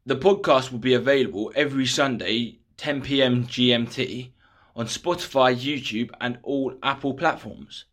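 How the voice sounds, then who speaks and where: Young English man, mid-pitched podcast host. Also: moderate pace, fairly bright tone. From England. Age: young adult. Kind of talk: scripted podcast introduction.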